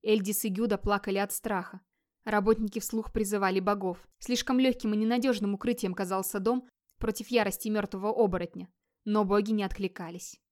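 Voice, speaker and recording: A woman narrating a fantasy audiobook, steady and measured, building tension as she reads. Her voice sits at an ordinary middle pitch.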